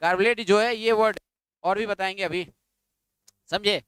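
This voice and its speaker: A man's voice: high-pitched, steady tone, moderate pace, a bit bright, clean tone, no room sound. A man teaching English vocabulary in a classroom-style lecture, repeating words and telling students to write them down. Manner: repetitive, drilling, asks students to write words down.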